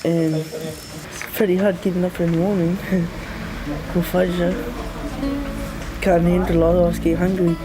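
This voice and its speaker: A woman's voice: on the low side, flat delivery, measured pace, long pauses, over music, poor audio. A woman speaking plainly and matter-of-factly in an interview. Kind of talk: casual interview.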